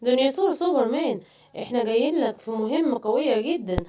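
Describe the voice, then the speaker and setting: A woman with an Egyptian accent voicing a helpful male superhero in a cartoon, speaking softly and reassuringly. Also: high voice, fast talker, lightly acted. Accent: Egyptian Arabic.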